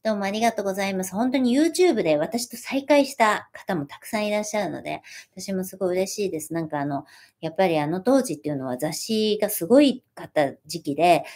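A woman's voice: mid-range voice, darkish tone. A woman in her forties hosting a livestream, reading viewer comments aloud and answering them in a friendly, chatty, self-deprecating way. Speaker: livestream host. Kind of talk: casual livestream chat.

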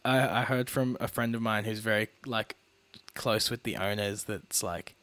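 A man's voice: lowish voice, steady tone, normal speed, fairly bright tone, no echo. Podcast co-host, male, loose casual chatter, dry close mic. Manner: chatty, laughs often, trails off with fillers. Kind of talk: casual chat.

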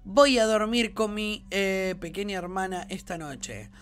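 A man's voice: high voice, a little slow. A man reading as a sweet little girl. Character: young girl with a new doll.

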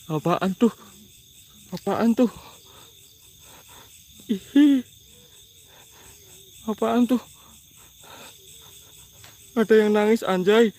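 A man's voice: high-pitched, drawn-out words, long pauses, dark tone. A man with a Banyumasan Javanese accent, live-streaming a ghost hunt in a graveyard at night, joking nervously and gasping out exclamations and prayers. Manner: jittery, joking, frequent gasped exclamations and prayers. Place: outdoors in an old graveyard at night.

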